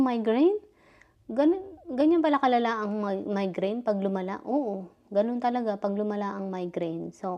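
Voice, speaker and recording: A woman's voice: medium pitch, creaky, darkish tone. A middle-aged woman, still a bit dizzy, chatting through a personal story and acting out the dialogue. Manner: chatty, retelling dialogue, frequent fillers. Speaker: vlogger. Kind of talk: casual storytelling vlog.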